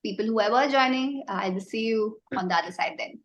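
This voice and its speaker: Indian woman teaching, high echoey voice. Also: quick pace. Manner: informal, chatty explaining, often addressing the group. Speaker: baking instructor. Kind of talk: live online class, answering questions. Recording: roomy, echoing sound.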